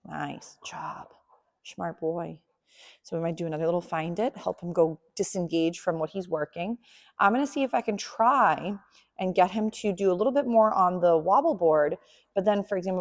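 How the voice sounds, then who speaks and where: A woman dog trainer giving a hands-on lesson, explaining calmly and softly praising the dog. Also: on the low side, normal speed, in a large hall.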